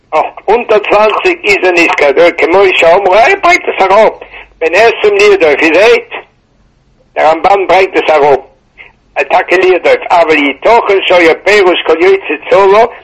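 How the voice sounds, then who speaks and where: A man teaching a Torah class, halting and repeating words, mixing Hebrew into with a tinge, over a muffled phone line. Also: on the high side, slightly rough.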